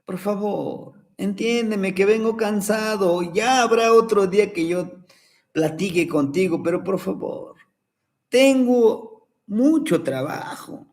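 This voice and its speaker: A man's voice: high-pitched, slow, pitched above the performer's own voice. A man voicing a tired, overworked father caterpillar. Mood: weary. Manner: weary, sighing.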